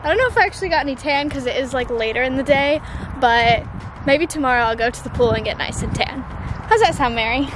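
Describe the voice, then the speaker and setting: A woman's voice: sits high, quick pace. A young woman chatting casually to a handheld camera in a playful, teasing way as she vlogs. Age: young adult. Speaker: vlogger. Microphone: camera at arm's length. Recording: noisy outdoor handheld camera, background ambience.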